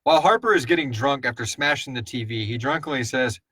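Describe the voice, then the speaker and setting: This co-host and producer of an audio drama podcast talks fast in a sharp, husky, mid-range voice. At a live Q&A he rambles and jokes informally while casually reading out and answering listener questions. The recording is dry.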